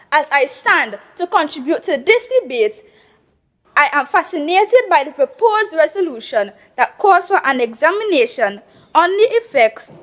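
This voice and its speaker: A Tobagonian woman with a high, clear voice delivers a formal speech in an assembly chamber. She is measured and oratorical, and drops into local dialect to land a point. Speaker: youth assembly member.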